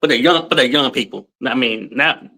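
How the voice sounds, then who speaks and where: Man, host, casual interview, halting, plain mid voice. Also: medium pitch, pushed and bright, poor audio. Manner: brief backchannels, halting questions.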